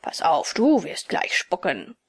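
Woman putting on growly robber guys, slow threats, raspy, creaky edge. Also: sits low, big pitch swings, voice pushed down, exaggerated voice. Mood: menacing. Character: gruff menacing male robbers. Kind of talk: audiobook reading.

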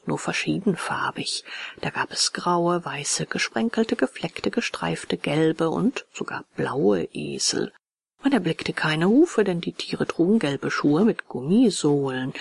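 Woman, audiobook narrator, gravelly husky voice, dry close sound. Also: on the low side, no echo. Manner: lively, animated character voices. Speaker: audiobook reader. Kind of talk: storybook narration.

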